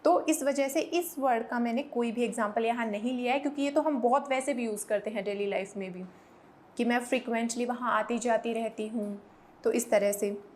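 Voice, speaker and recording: High-voiced woman teaching English vocabulary. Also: a little hiss or hum. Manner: explains in Hindi, reads English examples slowly and clearly; urges viewers to repeat pronunciations aloud. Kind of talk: vocabulary lesson.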